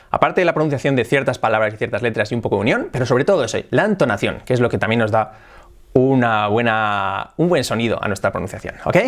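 A man with an accent from Spain teaching in a casual video lesson, switching between Spanish and English, lively, repeating words and ending phrases with "¿ok?". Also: medium pitch.

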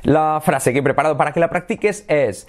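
Spanish-speaking man teaching English sounds. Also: on the high side. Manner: models English words slowly, stretching vowels; checks in with frequent ¿vale? and ¿sí?. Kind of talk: video lesson.

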